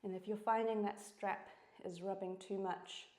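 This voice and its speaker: A woman's voice: medium pitch, steady tone, moderate pace, warm tone. A woman with a New Zealand accent leading a reformer workout class, out of breath and encouraging as she exercises along. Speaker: fitness instructor. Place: indoor reformer studio. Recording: echoey studio room.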